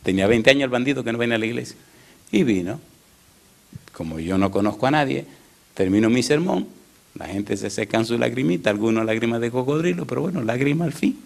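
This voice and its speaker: A man's voice: mid-range voice, animated, brisk, vocal fry. Man preaching a conversational sermon. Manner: questioning, storytelling, conversational. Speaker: pastor.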